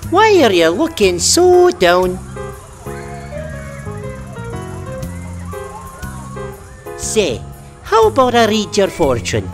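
A woman performs a talkative fortune-telling machine from a video game, pitched high with a wildly swooping voice. It chatters in a playful showman's patter. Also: heavily acted. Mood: chirpy. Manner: chirpy, teasing salesman patter.

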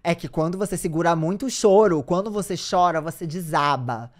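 A Brazilian host reacting casually and animatedly on a live stream, answering the chat. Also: male voice, on the high side, brisk.

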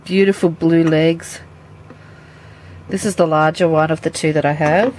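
A low, slightly mellow voice, a bit slow with fairly even intonation, comes from a woman whose cold leaves her stuffy and nasal. She's a pet keeper chatting casually in a show-and-tell vlog, handling and explaining her animals to a handheld camera beside a terrarium at home. The recording is rough, with slight background noise.

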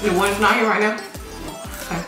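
A woman's voice: mid-range voice, fairly even intonation, quick pace. A young woman hosting a food challenge video, chatting casually in short, goading prompts as she eats. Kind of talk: casual chat. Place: dining room indoors. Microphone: camera across the table. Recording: roomy, echoing, distant mic, music behind.

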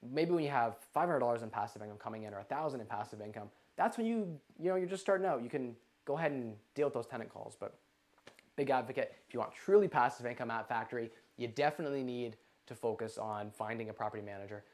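A man in his twenties hosts a live investing Q&A stream from an indoor living room with a couch, energetic and gesturing. He speaks fast at medium pitch, saying "like" a lot.

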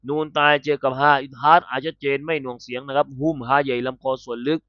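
A man's voice: mid-range voice, fairly even intonation, smooth, no echo, muffled recording. A man teaching the Quran, patiently explaining letter sounds and vowel lengths step by step. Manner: drawn-out melodic chanting, then patient step-by-step explanation. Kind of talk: slow Quran recitation, then explaining pronunciation.

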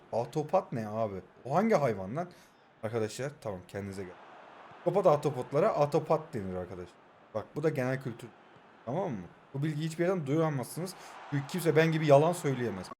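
A man in his twenties from Turkey, joking and mocking himself as he commentates his own mobile football game, and breaking into excited play-by-play. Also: a little high, quick pace, a little hiss or hum. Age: 20s. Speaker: mobile football gaming YouTuber. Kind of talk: live gameplay commentary.

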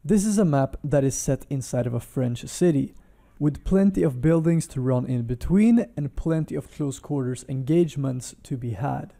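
A man giving a calm game commentary voice-over from a hotel room, his voice tired. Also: medium pitch, gravelly. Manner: calm, measured game analysis. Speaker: gaming content creator.

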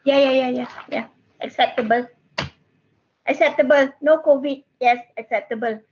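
Malaysian female lecturer, middle-aged, fairly high voice, Manglish particles and repetition, slightly muffled video-call headset sound. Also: fairly even intonation, normal speed, a little hiss or hum. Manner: Manglish code-switching with particles like lah, kan, ah; repeats phrases. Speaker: university lecturer. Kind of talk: online tutorial, casual explaining. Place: indoor room with bookshelves, video call. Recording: muffled, band-limited video call audio.

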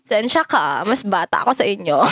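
A woman vlogger in a casual reaction vlog, teasing and mocking, laughing loudly and often and switching between Tagalog and broken English. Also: high voice, very noisy.

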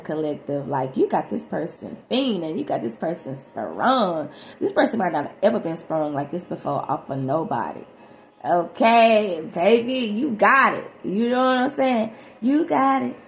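A woman giving a chatty, animated tarot reading to her viewers. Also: fairly low pitch, creaky. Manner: animated, chatty, sings snatches of songs. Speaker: tarot reader. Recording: echoey room, faint background noise.

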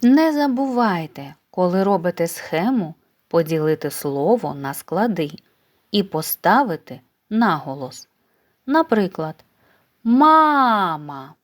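A woman teacher giving a slow, careful dictation lesson to first graders, speaking patiently and warmly to children. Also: lowish voice, animated. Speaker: primary school teacher.

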